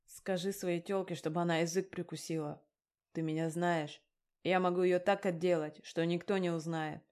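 A woman's voice: lowish voice, steady tone, moderate pace, darkish tone, lightly acted. A woman voicing a crude, menacing male gangster in an audiobook, talking with a mocking, threatening edge. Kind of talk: audiobook character reading.

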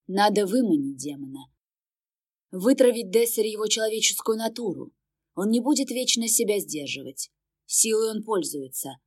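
A woman voicing a commanding male demon lord who gives cold, deliberate orders in a storybook reading. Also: mid-range voice, lively intonation, husky, dry recording, clean studio sound. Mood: brooding command.

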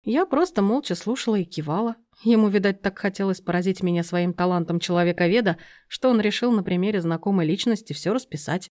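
A woman's voice: medium pitch, fairly quick, few pauses, a little mellow, close to an everyday voice. A woman reading aloud and voicing a sly young woman who talks sweetly and feigns innocence.

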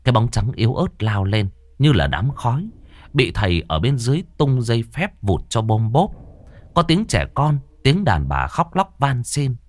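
A man's voice: medium pitch, sing-song, moderate pace. A man narrating a horror story vividly.

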